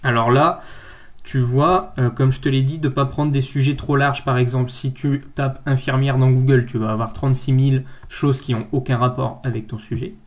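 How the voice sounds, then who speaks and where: A man's voice: mid-range voice, steady tone, normal speed. Informal man tutoring with many hesitations. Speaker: nursing thesis tutor. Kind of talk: screen-share tutorial correcting a student's abstract.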